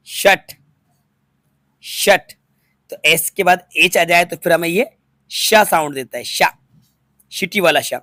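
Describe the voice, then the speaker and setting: A man's voice: high voice, sharp tone, no room sound, clean studio sound. A man teaching a phonics lesson to students, patiently spelling words out letter by letter and repeating each one. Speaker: English teacher.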